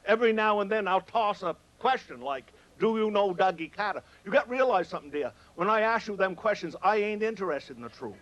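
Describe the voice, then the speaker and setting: Male stage humorist with a Maine accent: high voice, folksy and teasing yarn-spinner, slightly muffled sound. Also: animated, fairly quick, few pauses, fairly bright tone, slight background noise. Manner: folksy, rustic dialect, teasing the audience. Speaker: humorist telling stories on stage. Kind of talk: live comic storytelling. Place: on stage before an audience.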